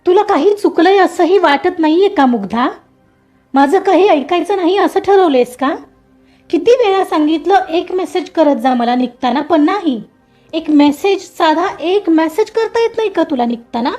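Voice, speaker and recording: A woman's voice: high-pitched, expressive, measured pace, mellow, faint music behind. A woman voicing a young man who is loving but angry and scared, speaking agitated with a raised voice.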